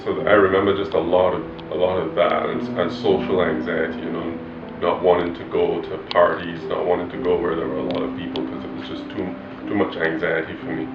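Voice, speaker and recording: Man from Barbados, 40s, pastor; low voice, reflective and halting, muffled and roomy recording. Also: level tone. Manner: hesitant, reflective, many fillers. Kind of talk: personal testimony interview. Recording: roomy, distant, muffled with loud guitar music. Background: loud guitar music.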